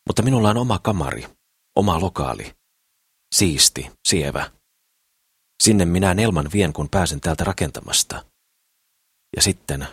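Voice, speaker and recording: A man doing a hoarse, wheezy crippled dreamer. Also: low voice, no echo, studio quality, pitched above the performer's own voice, full character voice. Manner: eager, rambling boasts. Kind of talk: audiobook character reading.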